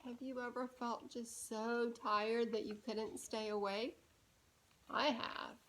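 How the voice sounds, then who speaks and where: With a slightly high voice, a woman reads a story aloud to small children, expressive and unhurried, pausing to put questions to her listeners.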